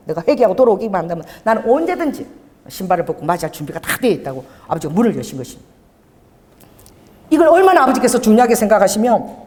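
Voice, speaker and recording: A woman's voice: mid-range voice, long reverb tail. A middle-aged woman pastor preaching a sermon with call-and-response and laughing asides. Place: church sanctuary.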